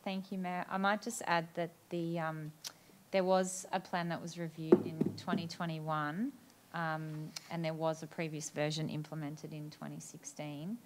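An Australian woman councillor speaking in a meeting, measured, with frequent ums. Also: deep voice, little pitch movement, background noise. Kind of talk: formal council speech.

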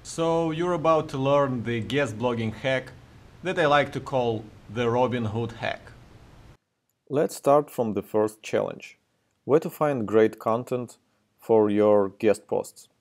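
A man's voice: medium pitch, slow. A man with a Russian accent hosting a marketing tutorial, explaining steps in a friendly, plain way. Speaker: host of a marketing tutorial video.

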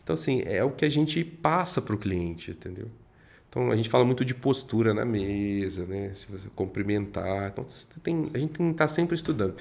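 Slow-talking man from Minas Gerais. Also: on the low side, animated, vocal fry, a little mellow. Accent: Minas Gerais Brazilian Portuguese. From Minas Gerais, Brazil. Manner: speaks somewhat slowly, with frequent fillers and rhetorical tags. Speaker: guest, real estate broker. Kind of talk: casual podcast chat.

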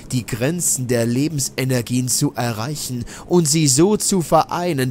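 Brief: man playing a scheming old male madman for a horror audiobook, slow, sneering, menacing delivery, drawn-out words. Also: mid-range voice, slight background noise, voice pushed up, lightly acted. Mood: mocking. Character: eerie old man, a scheming vengeful mad scientist.

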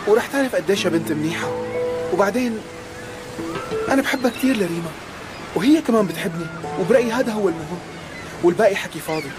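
An easygoing young Syrian man talks earnestly as a friend in a dubbed television drama. He speaks very rapidly, with music clearly behind him. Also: sits high. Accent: Syrian Arabic.

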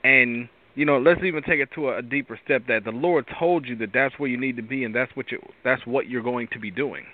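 A tired male host with a raspy voice, giving a rambling devotional talk with many restarts. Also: mid-range voice, fairly quick. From Pittsburgh area. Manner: rambling, restarts often, preachy asides. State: tired from lack of sleep. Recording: tinny phone-line sound.

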